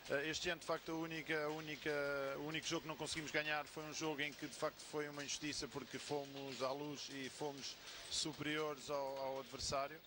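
A man with a European Portuguese accent analyses a live match as second commentator. His voice is a little high and his phrasing halting, often repeating words. Sports hall noise is clearly audible behind him. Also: flat delivery. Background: sports hall ambience, bouncing ball.

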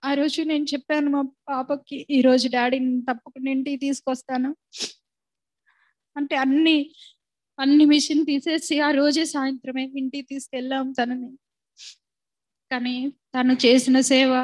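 A middle-aged woman speaks an earnest, tearful church testimony. Her voice sits high and fairly level. She is recorded close and dry, with no room around her. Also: no echo. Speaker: widow giving a church testimony. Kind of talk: emotional spoken testimony.

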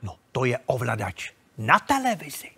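Animated male kids' TV host. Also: medium pitch, creaky, husky. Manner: playful, animated, childlike enthusiasm. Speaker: children's TV host. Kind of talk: children's TV presenting.

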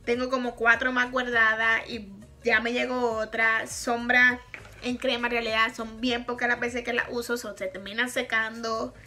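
With soft music in the background, a woman in her thirties speaks at a normal speed in a level, sharp, higher-side voice. She's from Puerto Rico, has a Puerto Rican Spanish accent, and does a frank, laughter-filled makeup review vlog from a small bedroom.

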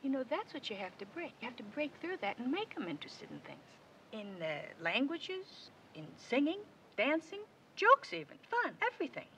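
A woman's voice: sits high, wildly swooping pitch, bright, forceful tone, slight background noise, exaggerated voice. An actress playing a restless, eager mother who coaxes children in a gushing, scattered way, from a 1970s film soundtrack. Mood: coaxing. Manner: gushing, rapid, coaxing, scattered. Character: restless eager young mother hosting kids.

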